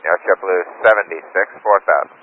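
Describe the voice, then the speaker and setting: Deep-voiced male pilot, quick easygoing readbacks, thin radio with static bursts. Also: narrow, tinny audio. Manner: brisk, easygoing. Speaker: airline pilot.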